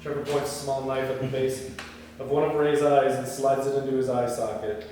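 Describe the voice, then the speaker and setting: At a film table read, a man reads the screenplay directions and chats casually with the crew, of which he is a member. His voice is medium-pitched and mellow with a flat delivery at normal speed. The recording is echoey, made with a distant mic in a hall, with faint noise.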